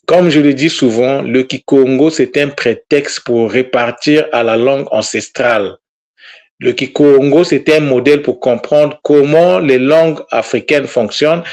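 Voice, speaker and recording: Man, language teacher, earnest, urging, halting with fillers, middle pitch, informal monologue. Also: darkish tone. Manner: earnest and exhortative, refers to himself in the third person; halting with fillers and repeated words.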